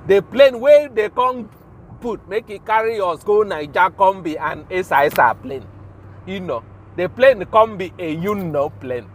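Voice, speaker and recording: A man from Nigeria with a Nigerian accent, hosting a show with an informal Pidgin rant in a halting, repetitive, emphatic manner. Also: sits high, animated, slight background noise. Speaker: show host.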